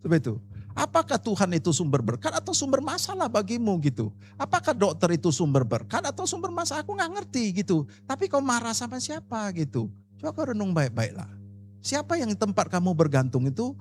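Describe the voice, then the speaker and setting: A man preaching an animated, emphatic sermon at a church service, telling a personal story and speaking directly to the congregation. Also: high-pitched, a little fast, a little hiss or hum. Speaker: pastor.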